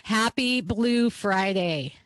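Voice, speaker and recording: A woman's voice: medium pitch, animated, slow, dry recording. A woman hosting a podcast, chatting casually and upbeat about sports with her guests. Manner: chatty and upbeat, laughs easily. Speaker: podcast host.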